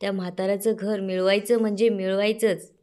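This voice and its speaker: A woman's voice: mid-range voice, flat delivery, fairly quick, warm tone, lightly acted. A woman voicing a scheming, hard-drinking middle-aged man who grumbles and plots. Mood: grumbling. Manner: grumbling, plotting.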